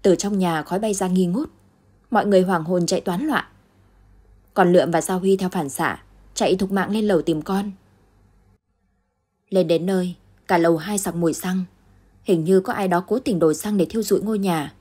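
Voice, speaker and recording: Husky-voiced woman storyteller. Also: lowish voice. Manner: steady, measured reading. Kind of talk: scripted late-night story narration.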